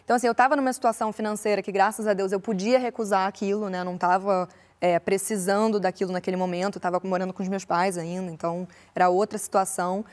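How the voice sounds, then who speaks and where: A woman's voice: mid-range voice, flat delivery, quick pace, darkish tone. A woman actress on a talk panel, telling a career story in a reflective way. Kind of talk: casual panel chat.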